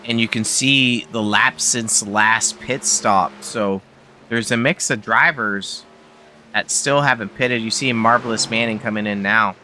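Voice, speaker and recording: A Canadian man calling an online truck race as lead commentator, relaxed and chatty. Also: fairly low pitch, a little slow, a little hiss or hum. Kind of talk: sim racing commentary.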